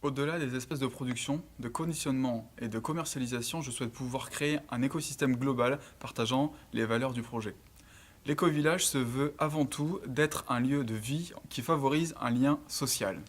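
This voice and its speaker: Earnest young man reading his pitch. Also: normal speed. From Lille area, northern France. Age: 20s. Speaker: entrepreneur presenting his project. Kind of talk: scripted pitch narration.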